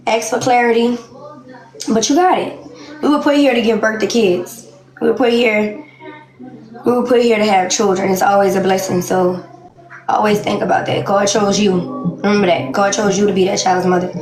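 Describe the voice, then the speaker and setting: A woman's voice: mid-range voice, darkish tone. A woman in her late twenties speaking bluntly and candidly in a casual interview, laughing often. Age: 20s. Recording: roomy echo.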